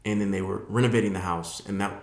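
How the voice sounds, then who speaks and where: Young male podcast host, lowish voice, rapid and rambling, jokey, echoey room. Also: steady tone, creaky, a crowd in the background. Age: young adult. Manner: joking, rambling, many fillers. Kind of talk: casual chat.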